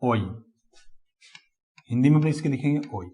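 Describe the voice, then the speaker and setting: A man teaching an exam-prep phonetics lecture, repeating each word slowly for the class and often turning away from the mic to write on the board. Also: fairly high pitch, steady tone.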